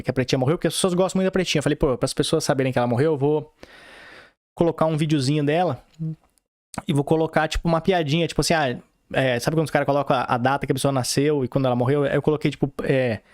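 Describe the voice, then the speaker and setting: A man's voice: a little high, darkish tone, no room sound, studio quality. Chatty Brazilian man, slangy and rambling. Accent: Brazilian Portuguese. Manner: rambling, slangy, full of fillers and quoted dialogue. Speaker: podcast host. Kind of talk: casual storytelling.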